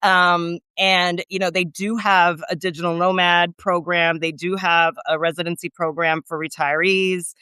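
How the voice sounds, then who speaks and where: Female host, bright and crisp, dry close sound, attentive with lots of "mm-hmm"s. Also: lowish voice, flat delivery, unhurried, few pauses, dry recording. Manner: attentive, frequent "mm-hmm" backchannels. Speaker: host, immigration lawyer. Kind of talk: interview hosting. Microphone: video call.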